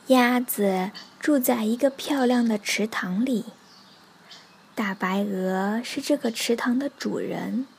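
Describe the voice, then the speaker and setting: A woman reads a bedtime story aloud to children in a soft, breathy near-whisper. She speaks very slowly with a slightly high voice, and faint ambient noise sits behind her.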